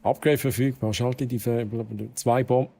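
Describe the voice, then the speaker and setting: A man's voice: mid-range voice, steady tone, moderate pace, warm tone. A man with a Swiss German accent streaming a game, chatting casually with viewers, laughing often and reading the game's text aloud. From Switzerland. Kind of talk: casual gameplay commentary.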